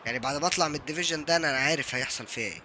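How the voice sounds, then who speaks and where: A young Egyptian man with an Egyptian accent, live-streaming a football game and giving excited commentary while he taunts his opponent. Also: on the high side, very fast, slight background noise. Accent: Egyptian Arabic. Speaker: gaming streamer.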